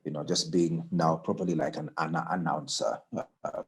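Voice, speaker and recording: Deep-voiced man telling radio stories. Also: normal speed. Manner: animated storyteller, acts out quoted voices higher and louder; repeats words when starting sentences. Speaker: radio announcer, interview guest. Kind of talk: casual storytelling interview.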